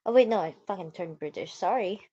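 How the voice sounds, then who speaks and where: A woman's voice: on the low side, expressive, fairly quick, mellow, breathy edge, muffled recording. A woman reading a visual novel aloud and commenting casually, swearing freely and rambling about being a culinary student.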